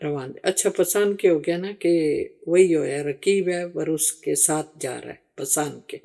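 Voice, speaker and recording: A man in a casual chat who translates song lines, giving short answers and repeating lines slowly. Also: on the high side, vocal fry, warm tone. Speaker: guest translator.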